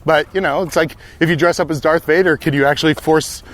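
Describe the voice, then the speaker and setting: A man's voice: fairly high pitch, steady tone, fast, a bit bright, poor audio. Fifty-year-old man chatting on a walk. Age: 50s. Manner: profane, laughing, enthusiastic. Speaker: podcast host. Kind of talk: casual chat while walking outdoors. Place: outdoors on a city street. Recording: faint street noise.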